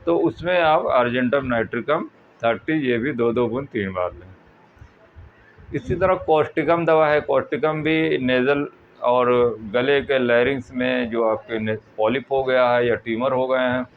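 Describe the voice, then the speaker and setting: A man, a homeopathy doctor, explaining remedies in a plain, measured talk. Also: medium pitch. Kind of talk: health advice talk. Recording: tinny phone-like audio with faint noise.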